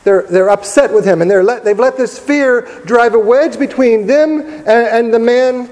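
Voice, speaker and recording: A man preaching a sermon in a church, telling the story in a conversational way with pauses and repeated words. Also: very high-pitched, darkish tone. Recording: long reverb of a large church hall.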